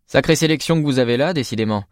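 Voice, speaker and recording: Male narrator voicing a self-assured teen boy, blunt yet caring, lifted a bit higher, storybook read in a dry booth. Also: fast talker, no echo, natural voice. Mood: breezy. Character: confident friendly male high school student.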